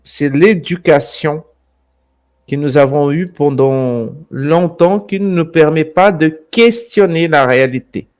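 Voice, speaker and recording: A man from Brazil with a Brazilian Portuguese accent, hosting a live stream in a gentle, unhurried, affectionate way and often repeating his words. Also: fairly high pitch, clean tone. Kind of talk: casual live stream talk.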